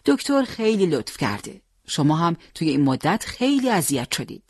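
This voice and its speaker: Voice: mid-range voice, big pitch swings, a little mellow, husky, no room sound. A storyteller voicing a young wounded fighter, impatient and determined to leave the hospital, in a dry recording. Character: young wounded male fighter, eager and restless.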